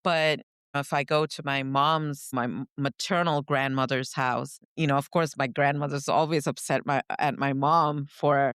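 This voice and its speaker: A woman from India, a podcast co-host reflectively recounting her upbringing, often pausing to search for words. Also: extremely low pitch, fairly even intonation, fairly bright tone, smooth, no echo, studio quality. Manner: reflective, searching for words, frequent "you know". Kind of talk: personal storytelling in conversation.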